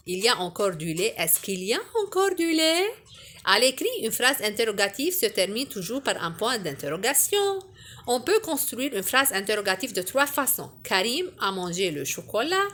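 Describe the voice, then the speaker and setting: A woman teacher giving a French grammar lesson to her pupils, patient and clear, with a sing-song rise on her questions. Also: on the high side, bright, forceful tone.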